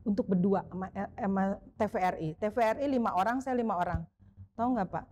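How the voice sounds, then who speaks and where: A middle-aged woman with long experience as a sports broadcaster chats animatedly in a casual interview, voicing the people in her stories and often adding a polite "Pak" for her male interviewer. Her voice is mid-range and her delivery fairly quick, with a faint hiss or hum in the background.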